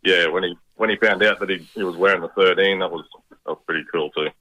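A man's voice: sits low, steady tone, fast talker, pushed and bright. A middle-aged man with a Queensland Australian accent, chatting casually and a little hesitantly as a guest on a radio call. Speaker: radio interview guest, proud father. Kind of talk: casual chat. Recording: dull, band-limited radio call.

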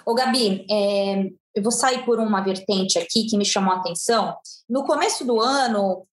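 A woman's voice: medium pitch, normal speed, echoey room. A woman host in a live TV discussion, talking earnestly with a Brazilian accent and repeating her points with many fillers. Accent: Brazilian Portuguese. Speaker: sports show host.

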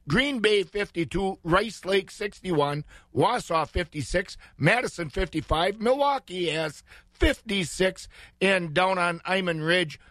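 A man's voice: a little high, fairly bright tone, dry recording. An American man hosting morning radio, chatting casually through the local weather in a folksy way.

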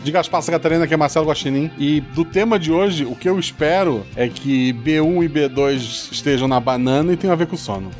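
A Brazilian man bantering casually on a podcast in a jokey, animated way. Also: fairly high pitch, a little fast, hardly any pauses, faint music behind.

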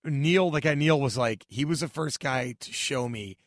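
A man, a stand-up comedian, chatting casually and telling profane, animated stories as a podcast guest, acting out other people's lines. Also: medium pitch, moderate pace, no echo, clean studio sound.

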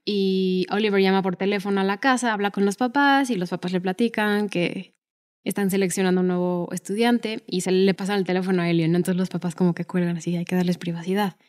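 A woman's voice: mid-range voice, fairly even intonation, fast talker, a little mellow. A woman co-hosting a podcast, chatting casually and retelling film scenes with many fillers. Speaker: podcast co-host.

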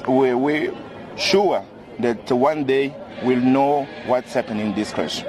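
A man speaking as a live interpreter, putting a speech into halting, hesitant English with fillers and restarts at an outdoor commemoration. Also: mid-range voice. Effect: live interpreter voice, rendering a speech into English. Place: outdoor commemoration event with a crowd. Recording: field recording with loud crowd. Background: crowd noise.

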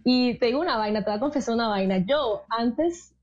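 High-voiced Colombian coastal woman. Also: a little fast, lo-fi sound. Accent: Colombian Caribbean coast. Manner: animated, laughing often, colloquial. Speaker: guest. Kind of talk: comic storytelling in a chat.

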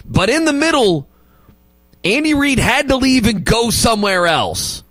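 A male sports radio host arguing basketball opinions and rattling off stats, with emphatic loud bursts. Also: very high voice, big pitch swings, measured pace, dry recording, low-quality recording.

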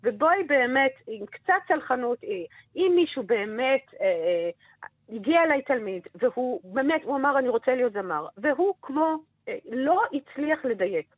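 A woman with a high, slightly husky voice explains as a voice teacher, emphatic and full of energy. She talks over a tinny phone line that sounds dry and close. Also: lively intonation, dry recording. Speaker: voice teacher and vocal cognition researcher. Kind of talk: phone-in radio interview. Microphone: telephone.

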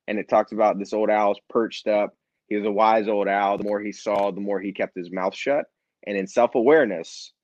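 A lowish-voiced man, founder and chief executive of a nonprofit, talks conversationally about leadership as an interview guest, punctuating his points with emphatic repetition. The recording is dry and somewhat dull, with a lo-fi quality.

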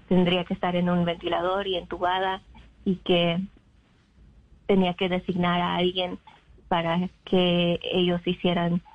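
Young adult woman from Mexico, an interview guest on the phone, halting and filler-heavy, with a low, flat delivery. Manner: halting, with many fillers and English words mixed in. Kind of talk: personal account in an interview. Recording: phone line.

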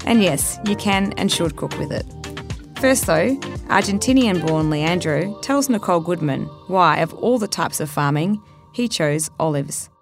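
A woman reading a scripted, measured program introduction. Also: fairly low pitch, expressive. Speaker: program narrator. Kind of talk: scripted narration. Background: music.

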